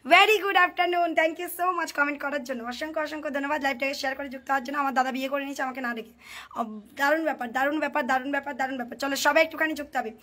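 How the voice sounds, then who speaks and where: Woman live-stream host, high voice, rapid and repetitive coaxing. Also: fairly even intonation, sharp tone. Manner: coaxing, repetitive, urging viewers to tap and share. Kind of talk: casual live-stream chat, reading comments aloud.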